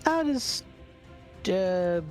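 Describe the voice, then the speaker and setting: A woman plays a tabletop game, talking in a casual, wry way. Her pitch is medium, and faint music plays behind her voice. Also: animated, extremely slow, darkish tone.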